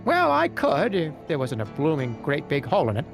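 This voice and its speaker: Scruffy goblin peddler, played by a man: high voice, swooping, theatrical, flustered, fantasy card game. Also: huge pitch swings, moderate pace, vocal fry, music in the background, heavily acted. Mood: flustered, scheming. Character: frantic scruffy wild-eyed male goblin peddler in fox-pelt wig.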